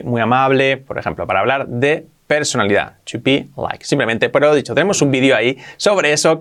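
Guy from spain explaining english grammar, says each example twice, slow and clear. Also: medium pitch, a bit bright. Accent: Spain Spanish. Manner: repeats each example slowly, asks ¿vale? often. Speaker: English teacher.

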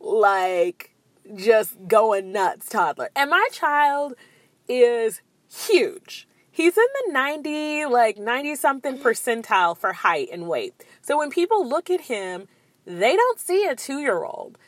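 A woman in her thirties co-hosting a casual talk show, telling a story in an animated way with many asides and self-corrections. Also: a little high, takes it slowly, dry recording. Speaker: podcast co-host.

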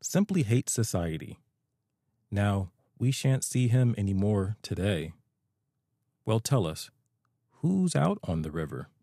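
A man's voice: on the low side, very animated, takes it slowly, long pauses, dark tone, no room sound, studio quality, full character voice. A man voicing a cheerful, sociable male water rat in a storybook reading. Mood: chatty.

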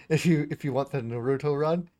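A man's voice: fairly high pitch, normal speed, dark tone. A man co-hosting a podcast, casually going over anime news, hesitant and informal, often laughing. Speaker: podcast co-host.

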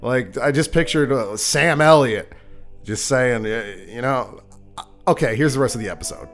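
A man's voice: mid-range voice, normal speed, a bit bright, soft background music. A man explaining something offhand in an aside he recorded while editing a podcast. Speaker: podcast co-host and editor.

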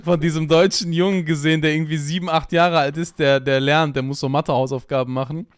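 A young man, chatting excitably and in as a podcast co-host. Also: fairly high pitch, quick pace, smooth, dry recording, studio quality. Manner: slangy, excitable. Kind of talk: casual chat.

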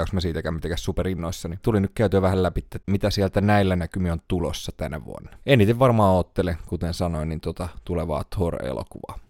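Casting: male podcast host, very low voice, dry close sound, rambling casual delivery. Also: a little mellow, no echo. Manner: thinks aloud, browsing lists, many fillers. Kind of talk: casual solo podcast talk.

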